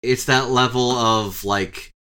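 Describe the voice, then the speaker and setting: A man's voice: mid-range voice, fairly even intonation, slow, sharp tone, a little hiss or hum. A man co-hosting a podcast in casual chat, rattling off long lists and swearing offhandedly. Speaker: podcast co-host.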